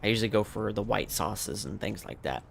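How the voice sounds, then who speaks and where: A streamer and language teacher from the United States chats with viewers on a late-night game stream, tired and losing his voice. His lowish voice is creaky, a little fast, and has lively intonation, with a little hiss or hum. He's laid-back and rambling as he games.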